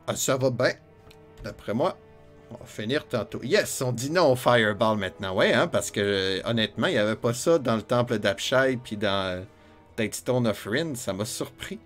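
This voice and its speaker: A man's voice: medium pitch, lively intonation, normal speed, fairly bright tone, faint music behind. A man with a Quebec French accent giving chatty, joking let's play commentary, talking to himself as he plays. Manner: joking, chatty, talks to himself while playing. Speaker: gamer.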